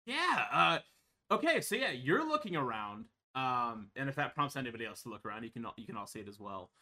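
A man serves as game master for a tabletop horror game, describing scenes in halting, filler-heavy narration. His voice sits at a middle pitch and has a bright, forceful edge. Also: big pitch swings. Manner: halting, many ums and restarts.

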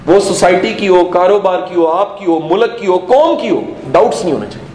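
A man giving an animated motivational lecture to a live audience, full of rhetorical questions and bits of English and Punjabi. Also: high-pitched, fairly quick, echoey room, poor audio. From Pakistan. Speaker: motivational speaker.

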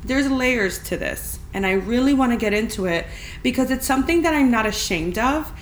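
A woman's voice: on the high side, lively intonation, moderate pace. A woman hosting a casual, chatty solo podcast, talking in a candid, emphatic, informal way in a spacious, echoing apartment. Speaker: podcast host. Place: friend's spacious apartment, indoors. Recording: big echoey room, clear background noise.

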